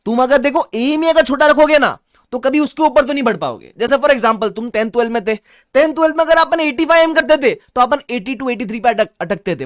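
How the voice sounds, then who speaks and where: Mumbai guy teaching a live class, lots of energy, smooth voice, close dry sound. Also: very high voice, no echo. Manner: energetic, mixing Hindi and English; reads viewer chat aloud. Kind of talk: live-streamed online lecture.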